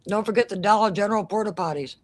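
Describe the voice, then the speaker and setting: Woman reading chat on a stream, chatty, lots of oh wow and ew, jokey. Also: mid-range voice. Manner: chatty, quick to exclaim, jokey asides. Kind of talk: casual live-stream chat.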